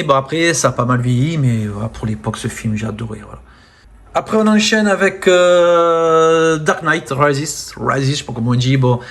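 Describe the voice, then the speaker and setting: A man chatting casually about films from his collection, full of fillers, often trailing off softly at the ends of phrases. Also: mid-range voice. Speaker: film collector presenting his steelbooks. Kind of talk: casual unboxing-style chat.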